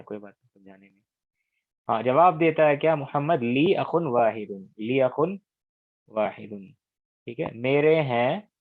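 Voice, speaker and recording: A man from India teaches Arabic grammar over an online call, patiently explaining and often checking that students follow. He drills words slowly and repeats them. His voice comes through a dry, tinny, phone-like line. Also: mid-range voice, no echo.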